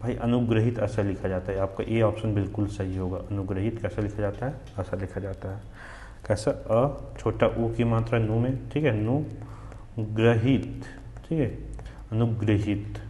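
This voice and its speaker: A Hindi teacher from Chhattisgarh with a regional accent drills exam spellings, asking questions and answering them himself. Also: male voice, lowish voice, fairly even intonation, moderate pace, mellow, echoey room, a little hiss or hum. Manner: repetitive drilling, asks then answers himself. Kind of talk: spelling lesson for exam students.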